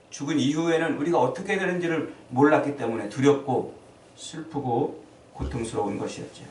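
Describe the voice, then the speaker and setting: A man preaching a sermon as pastor, emphatic, rising to loud peaks and then dropping low. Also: roomy sound, distant mic. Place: church.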